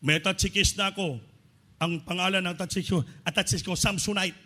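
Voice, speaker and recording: A Filipino-accented male preacher with a high, bright voice, telling his own story from the pulpit. He shifts into other people's voices as he goes, with an animated, storytelling delivery. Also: a little fast. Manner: animated storytelling with acted quotes. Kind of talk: sermon testimony.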